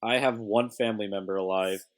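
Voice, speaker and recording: A man's voice: lowish voice, steady tone, a little fast, poor audio. A man co-hosting a casual gaming chat, ranting and breaking into song. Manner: ranting, sings along jokingly. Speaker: gaming podcast co-host.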